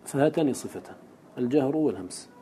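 A man's voice: medium pitch, lively intonation, quick pace, mellow, slight background noise. A man teaching a lesson on a classical poem, who asks rhetorical questions and answers them himself. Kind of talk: lecture explaining a classical poem.

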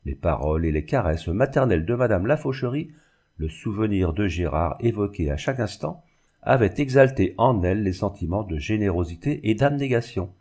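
A man narrating a classic novel as an audiobook, in a measured, literary reading. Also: lowish voice, lively intonation, darkish tone.

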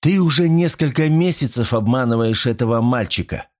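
A man voicing a sharp young woman detective who triumphantly accuses a card cheat. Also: mid-range voice, moderate pace, pitched above the performer's own voice, natural voice. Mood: sharp accusing.

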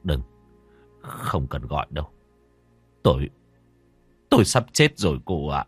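A dying, battered father voiced by a man in a spoken horror story, low and quiet, halting between words as he pleads. Dry, close sound with faint music underneath. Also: very animated, dry recording, heavily acted. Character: dying battered middle-aged father, gasping. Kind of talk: audiobook character voice.

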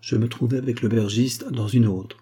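A man reading a classic novella aloud as scripted narration, in a measured, dramatic manner. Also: medium pitch, fairly even intonation, mellow, husky. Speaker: audiobook reader.

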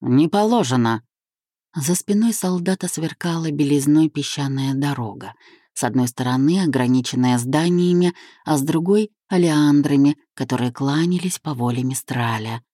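A woman narrating a literary audiobook in a measured, even reading. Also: deep voice, dry recording, studio quality.

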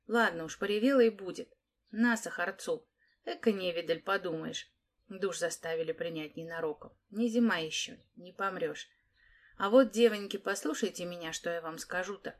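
A brash, sly teenage girl in a storybook tale, put on by a woman reader, rattling off mocking, coaxing patter in a raised voice. The lines sit a little higher and louder than the reader's own low-ish tone. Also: moderate pace, close to an everyday voice.

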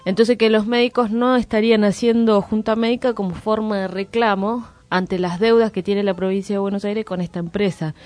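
A woman's voice: mid-range voice, fairly even intonation, fairly quick, few pauses, darkish tone, dry recording. Woman reporting on radio, dry sound. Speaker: radio journalist. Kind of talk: unscripted news report.

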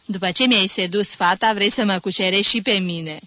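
A woman's voice: mid-range voice, pushed and bright, lightly acted. Woman voicing an effusive old society lady. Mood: gushing. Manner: gushing, theatrical, exclamatory.

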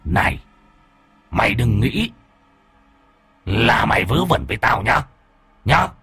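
A man's voice: fairly low pitch, big pitch swings, takes it slowly, vocal fry, sharp tone, husky, exaggerated voice. A man doing a blustering, hot-tempered father. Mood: angry. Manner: blustering, scolding.

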